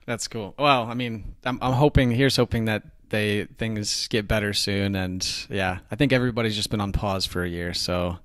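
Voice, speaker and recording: A man in his thirties hosting a podcast, asking halting questions in an easygoing way and laughing often. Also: fairly low pitch, steady tone, a bit bright, dry recording, studio quality. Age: 30s. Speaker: podcast host. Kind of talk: casual interview.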